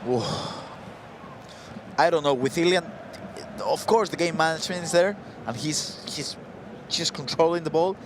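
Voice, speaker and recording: A male esports commentator with a fairly high voice calls a football video game match live. He talks quickly and excitedly, and his voice jumps sharply at the big moments. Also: noisy background.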